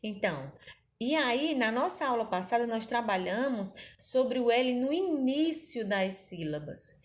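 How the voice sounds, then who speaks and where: Brazilian woman, primary teacher, fairly high voice, gentle and patient with young kids. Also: expressive, measured pace. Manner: gentle, uses diminutives and rhetorical questions. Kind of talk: recorded lesson for young children.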